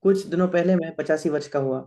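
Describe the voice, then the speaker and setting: A man's voice: a little high, fast talker, mellow. A man interpreting a sermon line by line, speaking steadily with small restarts.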